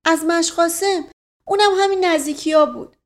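Cheeky kid a woman doing him, insists on everything, high voice. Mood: insistent. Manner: eager, insistent interrupting. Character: young boy, cheeky and quick.

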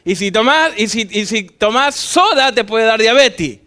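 A man preaching a sermon to a church congregation, lively and joking, acting out little dialogues. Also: high-pitched, unhurried. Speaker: pastor.

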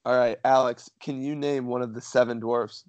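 A young man co-hosts a podcast in an easygoing way, asking questions and quipping. His voice is mid-pitched. The recording is dry and close. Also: fairly even intonation, moderate pace, no echo. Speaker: podcast co-host. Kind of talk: casual chat.

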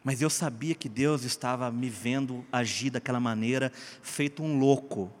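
Um homem brasileiro contando um testemunho em tom de pregação, animado, alternando gritos e murmúrios e chamando os ouvintes de gente e queridos. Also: male voice, medium pitch, normal speed, long reverb tail. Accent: Brazilian Portuguese. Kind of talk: sermon-style personal testimony.

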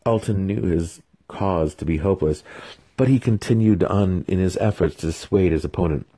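A deep-voiced man gives a dramatic, scripted audiobook reading of fantasy fiction. His husky, rough-edged voice is warm, and he reads at normal speed.

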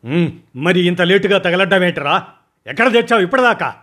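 A man voicing a short-tempered male boss who barks loud, demanding questions and orders. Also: high voice, lively intonation, brisk, pitched above the performer's own voice. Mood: impatient, demanding.

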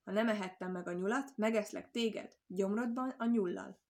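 A woman's voice: mid-range voice, a little mellow, close to an everyday voice. A woman storyteller voicing a sly, scheming male fox who mocks and blusters at the others. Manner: mocking, blustering.

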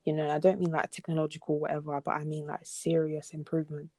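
A woman's voice: sits low, completely flat delivery, fast talker, a little mellow, dry recording. Laid-back young woman podcast host. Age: young adult. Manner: rambling, laid-back, with many fillers. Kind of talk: casual podcast chat.

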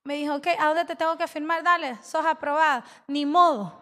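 A woman pastor, preaching a sermon and telling a story with animated, acted-out dialogue. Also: high voice, brisk, in a large hall.

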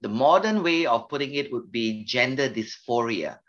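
Earnest older Malaysian-born pastor. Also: male voice, mid-range voice, animated, moderate pace, a bit bright, lo-fi sound. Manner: earnest, reflective, with frequent restarts. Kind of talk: interview guest telling his life story.

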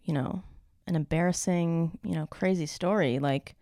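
A woman's voice: on the low side, normal speed, warm tone, no echo, clean studio sound. A woman talking casually and jokingly as a podcast guest, slangy and self-mocking. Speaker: podcast guest, comedian and impressionist.

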